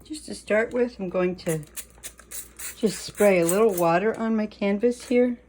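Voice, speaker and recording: A woman talking through her oil painting as she works, thinking aloud in a casual, unhurried way. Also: medium pitch, a little mellow, a little hiss or hum. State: hiccuping. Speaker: painting instructor. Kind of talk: casual painting tutorial narration.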